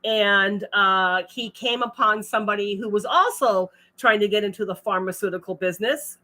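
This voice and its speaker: A woman's voice: mid-range voice, moderate pace, sharp tone. A woman hosting a casual livestream, chatting and reading viewer comments aloud with frequent laughs. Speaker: livestream host.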